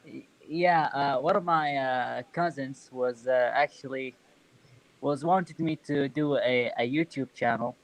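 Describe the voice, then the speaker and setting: A man from Saudi Arabia whose first language is Arabic, calling in to a stream and chatting with hesitant, halting phrasing. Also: mid-range voice. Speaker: caller. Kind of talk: casual chat.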